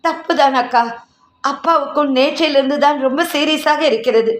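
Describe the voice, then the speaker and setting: A woman's voice: high voice, normal speed, roomy sound, lightly acted. A woman reading the lines of a tearful, apologetic younger sister in an earnest, choked way.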